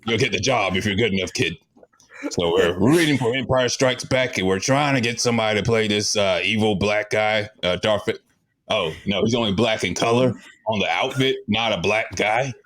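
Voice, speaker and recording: A man's voice: lowish voice, normal speed, a bit bright. A man hosting a comedy show, rambling and teasing as a sleazy casting director in an improv sketch. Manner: rambling, teasing, laughs often. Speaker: host playing a casting director.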